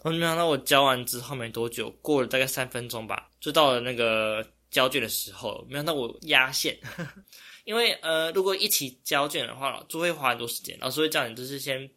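A young man with a Taiwanese Mandarin accent, telling a story as a vlogger in a casual, animated way, often exclaiming and laughing. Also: mid-range voice, fairly quick. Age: young adult.

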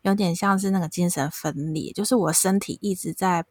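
A woman in her thirties with a Taiwanese Mandarin accent, hosting a casual chat and telling a story in an animated way. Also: lowish voice, a little fast, no room sound, studio quality. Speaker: podcast host.

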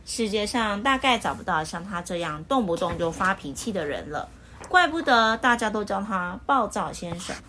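A woman reading a children's picture book aloud as storyteller, with expressive, lively delivery. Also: medium pitch, moderate pace, slight background noise.

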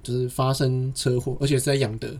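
In easygoing podcast chat, a young man recounts long, wandering stories that keep rolling forward with "and then." His voice is medium in pitch and darkish, delivered briskly in a level tone.

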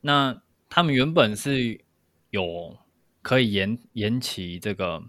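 A man's voice: lowish voice, expressive, slow pace, a bit bright, no echo, clean studio sound. A man co-hosting a podcast, explaining things step by step in casual discussion. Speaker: podcast co-host.

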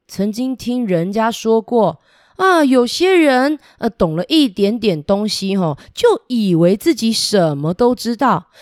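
An excitable male river god, boastful and wide-eyed, voiced in a high, bright register as a woman puts him on for a children's storybook. He bursts into exclamations and stammers when he is astonished, and his voice sits close to a dry mic. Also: no room sound.

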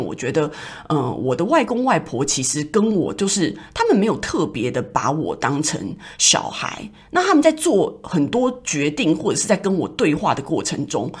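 A woman's voice: lowish voice, slightly rough. A woman with a Taiwanese Mandarin accent, hosting a podcast and telling personal stories in a reflective, rambling way with many fillers. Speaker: podcast host. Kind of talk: casual personal storytelling.

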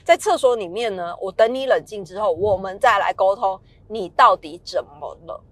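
A woman's voice: mid-range voice, animated, normal speed, dry recording. A woman, chatting casually as a parenting vlogger and telling a story emphatically, speaking straight to the listener.

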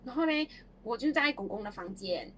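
A young woman tells childhood stories in a casual chat. Her high voice swings widely, and she laughs often as she goes. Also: moderate pace, slight background noise. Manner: animated, laughs often while telling stories. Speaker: podcast co-host.

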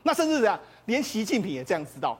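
A man delivers studio talk-show commentary at a fast clip. His voice sits high and swings widely in pitch. He drives each point home with emphatic interjections. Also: huge pitch swings, breathy edge. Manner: emphatic, acts out others' words with interjections. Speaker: political commentator.

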